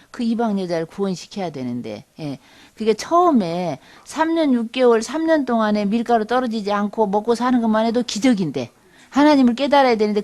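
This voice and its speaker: A woman's voice: a little high, a little mellow. A woman seminary lecturer teaching Bible history in a conversational way, with rhetorical asides.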